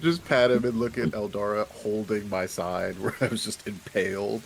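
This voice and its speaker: Deep, slow-talking player. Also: male voice, fairly even intonation, creaky, slight background noise, low-quality recording. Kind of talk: narrating a tabletop game.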